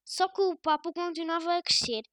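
A woman's voice: extremely high pitch, a little fast, fairly bright tone, dry recording, clean studio sound. A woman with a European Portuguese accent voicing a shrewd, unflustered old grandmother in a storybook tale. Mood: sly calm.

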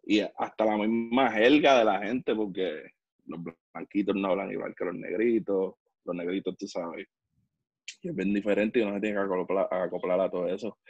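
Play a Puerto Rican man telling stories as a podcast guest. Keep your voice low and a little husky. Be blunt and slangy. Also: fairly even intonation, normal speed, a little mellow, dry recording, dull audio. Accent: Puerto Rican Spanish. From Puerto Rico. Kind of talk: casual storytelling conversation.

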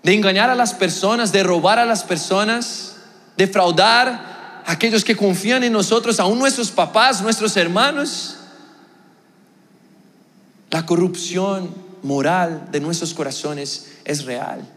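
A young adult man preaching a sermon as a pastor, telling a personal story earnestly, swinging between raised emphasis and quiet reflection. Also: high voice, unhurried, big-room sound.

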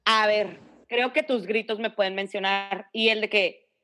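A woman's voice: mid-range voice, a little slow. A young woman with a northern Mexican accent, telling a story in casual chat and acting out the voices of the people in it. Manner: animated, acts out quoted voices, heavy slang.

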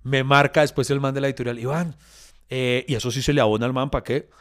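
A middle-aged man with a Colombian accent, co-hosting a podcast and telling a long story in a casual, animated way. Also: medium pitch, fast talker. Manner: animated storyteller, acts out quoted voices. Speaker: podcast co-host.

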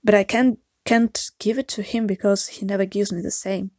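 A native Russian speaker from Russia, a woman with a Russian accent, leaves a careful, earnest voicemail in English. Her medium-pitched, darkish voice keeps fairly even intonation at a moderate pace, recorded cleanly in a studio with no room sound.

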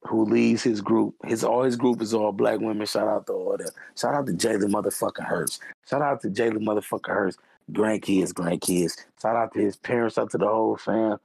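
A man's voice: on the low side, fairly even intonation, a little fast, creaky, a little mellow, slightly rough, no echo. A young man co-hosting a podcast, hyped and joking, full of slang and repeated catchphrases. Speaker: podcast co-host. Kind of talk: casual podcast banter.

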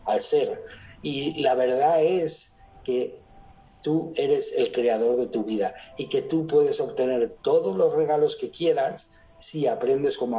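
A man's voice: fairly high pitch, dark tone, poor audio. A man giving an earnest motivational talk, repeating phrases and addressing listeners directly. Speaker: spiritual speaker.

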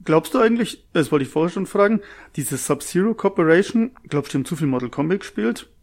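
A man's voice: fairly high pitch, animated, a little mellow. A man co-hosting a podcast who chats casually, chiming in with short reactions and questions. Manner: short interjections and questions, quick talker. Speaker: podcast co-host. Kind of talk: casual chat.

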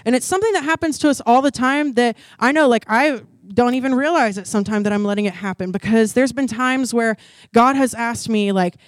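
A woman with a slightly high voice delivers a youth sermon at a fairly quick pace, with no room sound. She talks conversationally, often saying "like" and "y'all," and rises into emphatic preaching at key points.

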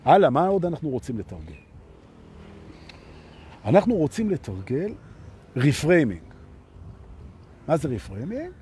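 A man's voice: fairly high pitch, big pitch swings, long pauses, dark tone, a little hiss or hum. A man leading a live self-help session as a coach, talking animatedly and repeating key phrases while he addresses his listeners directly. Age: adult with a son. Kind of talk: motivational self-help talk.

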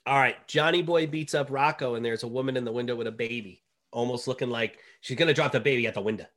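A woman's voice: a bass voice, fast talker. A woman with a cold on a podcast, sneezy and teasing, chatting casually. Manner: teasing, talks through a stuffy sneezy nose. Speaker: podcast co-host. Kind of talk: casual chat.

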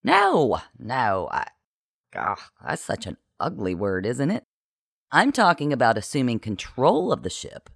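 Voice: medium pitch, very animated, a little slow, vocal fry, fairly bright tone, husky, no room sound, clean studio sound, voice pushed down, exaggerated voice. A storybook reader voicing Marcy, a scheming woman accountant who leads a mutiny and talks in breezy corporate euphemisms. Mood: evasive.

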